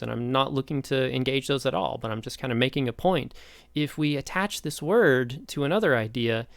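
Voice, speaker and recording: This recorded online sociology lecture comes from an East Tennessee man in his thirties, raised in Appalachia, who speaks with a Midwestern American accent. His medium-pitched voice is creaky, and the recording has no echo. He's enthusiastic and conversational, often throwing questions at the listener.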